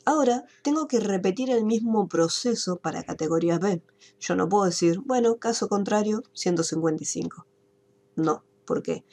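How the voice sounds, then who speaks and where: Online class teacher, woman, mellow husky voice, patient step-by-step explainer. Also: medium pitch, moderate pace. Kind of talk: online spreadsheet lesson. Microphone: computer mic on a video call.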